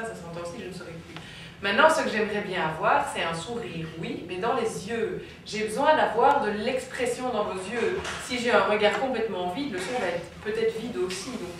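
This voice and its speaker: A woman teaching a group singing lesson, coaching directly and breaking into sung vowel demonstrations. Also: medium pitch. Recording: very echoey room, distant mic, faint noise.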